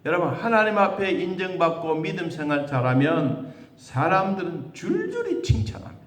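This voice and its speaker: A man preaching a sermon as pastor, asking rhetorical questions and acting out the voices he quotes. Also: moderate pace. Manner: animated, with sudden high jumps in pitch and rhetorical questions. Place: church sanctuary. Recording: echoey church hall.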